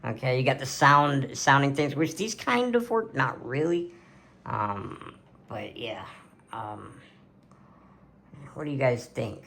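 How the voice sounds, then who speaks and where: A man's voice: medium pitch, lively intonation, takes it slowly, creaky, long pauses, pushed and bright, slight background noise. A man in his twenties talking casually to camera in a birthday vlog from his gaming room, rambling with lots of fillers. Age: 20s. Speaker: content creator. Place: home gaming room, indoors.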